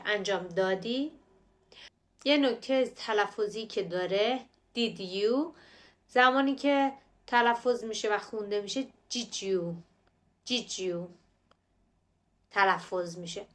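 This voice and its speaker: A woman's voice: medium pitch, fairly bright tone. A woman language teacher walks through phrases step by step. She repeats words and pronunciations over and over. Her voice sits in an ordinary mid range. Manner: slow, repetitive, drills words and pronunciation. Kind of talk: explanatory lesson narration.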